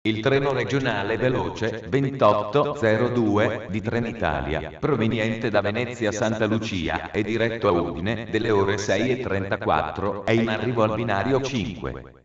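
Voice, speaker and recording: Man, flat formal station announcement, segmented phrasing, distant, muffled public address sound. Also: lowish voice, moderate pace. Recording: echoey dull station loudspeaker from afar.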